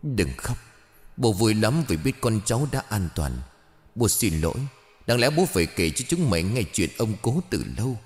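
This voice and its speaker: A man's voice: fairly low pitch, sing-song, normal speed, darkish tone, in a large hall, faint music behind, voice pushed up. A man doing an old grandfather's ghost. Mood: remorseful.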